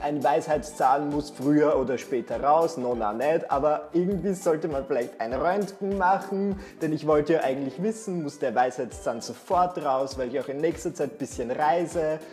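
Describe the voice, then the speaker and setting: A man, talking to camera on a lapel mic in a small bright room, sarcastic and theatrically exasperated. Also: fairly high pitch. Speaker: YouTuber. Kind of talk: casual vlog talk to camera.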